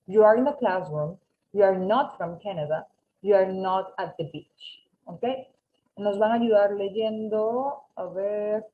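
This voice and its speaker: Mellow-voiced woman teaching English. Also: mid-range voice, a little hiss or hum, low-quality recording. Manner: patient, correcting and encouraging, mixing Spanish and English. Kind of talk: online class instruction.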